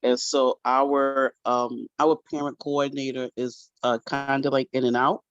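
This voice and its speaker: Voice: mid-range voice, little pitch movement, measured pace, no echo. A teacher joining a video call, chatty and hesitant, with many fillers. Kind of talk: casual video-call discussion. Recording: dull lo-fi call audio.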